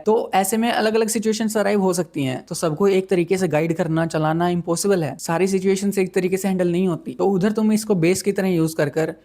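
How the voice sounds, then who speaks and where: Young male coach, fast and commanding, mellow low-toned delivery, blunt advice with English phrases mixed in. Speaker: communication skills coach. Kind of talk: direct-to-camera advice monologue.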